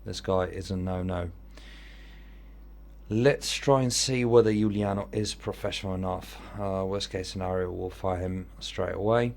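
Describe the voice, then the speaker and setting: A man's voice: sits low, steady tone, normal speed, gravelly. A man with an Italian accent giving casual commentary on an online football manager game, thinking aloud as he weighs his choices.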